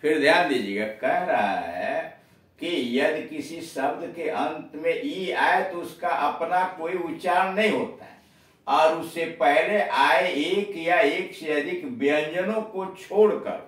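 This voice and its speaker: धीमे बोलने वाला पुरुष शिक्षक, गूँजता कमरा. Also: male voice, a little high, fairly bright tone, recorded from a distance. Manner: slow, explains rules step by step, spells words letter by letter. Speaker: English teacher. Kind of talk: spoken grammar lesson. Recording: echoey room, voice off-mic.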